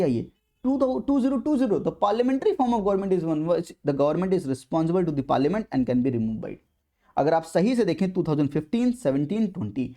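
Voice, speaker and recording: A man's voice: a little high, mellow. A young man giving an exam prep lecture in a mix of Hindi and English, stressing points by repeating them. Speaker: exam coaching teacher.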